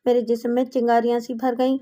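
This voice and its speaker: High-voiced woman narrating a crime story. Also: completely flat delivery, dark tone. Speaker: audiobook narrator.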